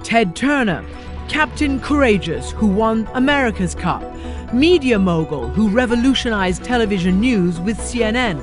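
A woman reading scripted news narration in a measured, emphatic way. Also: a little high, expressive, music in the background.

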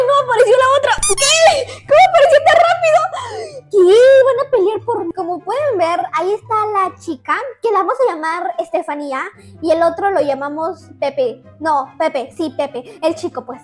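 A woman giving excitable, giggly commentary over a game. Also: extremely high pitch. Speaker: gaming YouTuber. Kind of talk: casual gameplay commentary.

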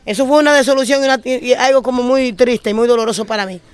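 A woman pastor with a Dominican Spanish accent recounts her testimony at a rapid clip, often repeating phrases in short bursts. Her voice is clean and crisp, recorded close and dry with no room echo. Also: a little high, fairly even intonation. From Dominican Republic. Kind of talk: emotional testimony storytelling. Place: living in Spain.

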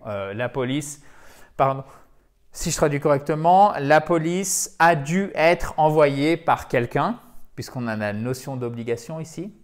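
French guy teaching english online, walks you through it step by step, calls viewers chers amis. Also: medium pitch.

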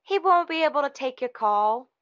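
An actress playing a smug, obstructive office receptionist who talks in an officious, condescending way in a comedic short film. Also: female voice, high-pitched, animated, highs cut off. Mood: haughty, officious. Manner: officious, condescending, deliberately obtuse.

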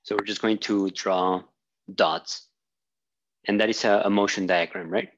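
Slow low-voiced man teaching at a whiteboard. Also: flat delivery, highs cut off. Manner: thinks aloud with fillers and restarts while drawing. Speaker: physics instructor. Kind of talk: whiteboard lecture. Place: small room at a whiteboard.

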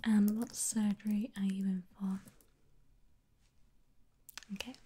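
Young woman whispering slow asmr nurse roleplay, mellow and soft, lots of ums. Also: medium pitch, level tone, a little hiss or hum. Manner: whispering, hesitant with many ums; reassuring, clinical. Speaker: ASMR creator playing a pre-surgery nurse.

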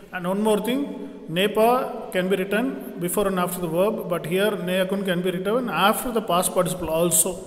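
A man teaching a grammar lesson, explaining step by step like a classroom teacher. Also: high-pitched. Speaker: French teacher. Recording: echoey room with long reverb.

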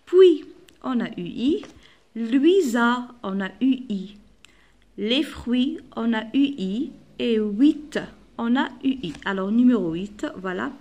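A woman's voice: on the high side, expressive, slow, mellow. A woman teaching a primary school lesson, patiently spelling out letters and repeating words. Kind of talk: recorded classroom lesson.

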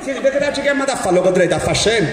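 High-voiced Neapolitan man hosting in echoey hall. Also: expressive, racing. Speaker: stage host. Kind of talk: live comic banter with audience. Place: large frescoed hall, live show before audience. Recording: distant phone recording in echoey hall, crowd noise.

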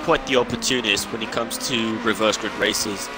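A man's voice: lowish voice, fairly even intonation, moderate pace, very noisy. A man co-commentating live on an online car race, adding observations and driver analysis like a motorsport commentator.

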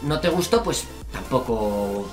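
A young woman with a Spain Spanish accent doing excitable Roblox gameplay commentary as a YouTuber, talking to the game's chatbot and reading its replies aloud. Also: extremely low pitch, a little slow, soft background music. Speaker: gaming YouTuber.

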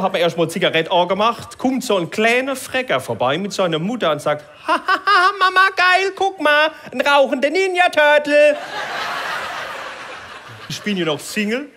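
Pfälzer Comedian mit lebhafter Stimme. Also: male voice, sits high, noisy background. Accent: Palatinate German. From Palatinate, Germany. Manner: chatty, tags sentences with gell. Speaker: stand-up comedian. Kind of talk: stand-up comedy. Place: live stage before an audience.

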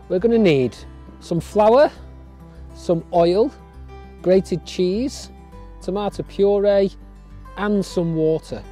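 A man's voice: high-pitched, mellow. A middle-aged man from England, walking through an outdoor cooking tutorial in a friendly, step-by-step way, recorded outdoors in woodland. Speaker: family nature educator.

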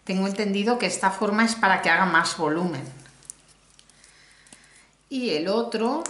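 Speaking at a normal speed with a medium-pitched, fairly bright voice, a middle-aged beauty vlogger from Spain chats casually with viewers about her makeup haul. She has a Spanish accent and is exclamatory, addressing the camera directly. Faint noise and room echo are audible.

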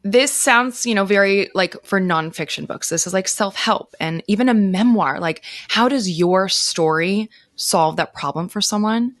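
Speaking unhurriedly with hardly any pauses, a woman in her thirties who writes and teaches gives casual, conversational advice as an interview guest over a video call indoors. Her mid-range voice is fairly bright, recorded on a close microphone with studio quality and no room sound.

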